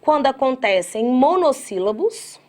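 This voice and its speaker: A woman from Brazil giving an exam-prep grammar lecture. She talks straight to her students, spells words out slowly syllable by syllable and acts out their objections. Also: high-pitched, very animated, a little mellow. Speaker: grammar teacher.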